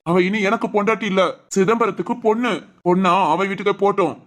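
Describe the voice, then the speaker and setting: A woman's voice: mid-range voice, fairly even intonation, fast, lightly acted. A woman voicing a hot-headed, protective adult son in a family cartoon, ranting indignantly. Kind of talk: Tamil family cartoon voice acting.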